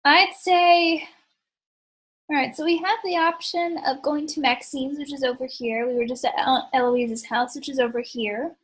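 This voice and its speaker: A woman's voice: high-pitched, steady tone, moderate pace, rough recording. A woman hosting a let's play, chatting as she plays, thinking aloud, and tossing in sarcastic asides. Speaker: gaming channel host.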